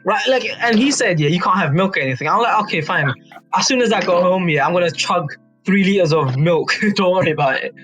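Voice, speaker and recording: A young man with a British accent and a notably high voice, a youth advisory board member on a podcast, tells a casual anecdote among friends. He speaks fairly quickly, slangy and animated, repeating phrases and adding tags to check his friends follow. Music plays behind him.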